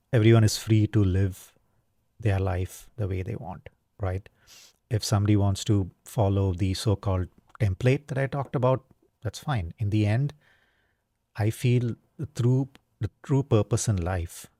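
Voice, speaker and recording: A man's voice: on the low side, mellow, no echo, studio quality. A man from India hosting a solo podcast, talking in a casual, thoughtful way, with lots of "um", "you know" and "right?". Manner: casual, thoughtful, many fillers and tag questions. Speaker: podcast host. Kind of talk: reflective solo talk.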